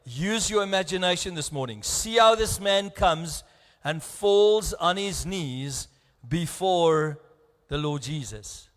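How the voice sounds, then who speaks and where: A South African man preaching a sermon as pastor, earnest and close to tears, his delivery swinging between hushed and raised. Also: a little high, animated, slow pace. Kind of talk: bilingual sermon. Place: church. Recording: echoey church hall.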